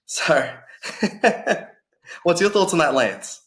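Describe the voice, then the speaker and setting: A man who coaches martial arts, co-hosting a podcast and chatting in a relaxed way, full of "like" and "yeah". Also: fairly high pitch, drawn-out words. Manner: relaxed, chatty, lots of "like" fillers. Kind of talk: casual podcast chat.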